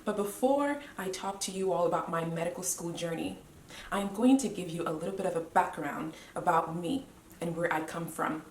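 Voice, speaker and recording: A woman in her twenties from Cameroon, a medical student giving a measured, earnest motivational speech with deliberate pauses. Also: on the low side, distant mic, slight background noise. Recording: roomy echo, voice away from the mic.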